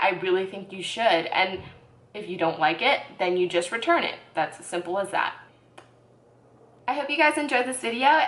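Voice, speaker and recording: In an echoey room, a young woman who vlogs about beauty talks through product reviews in a chatty, casual way, correcting herself and using lots of "like"s. Her voice sits fairly high and sounds a bit bright.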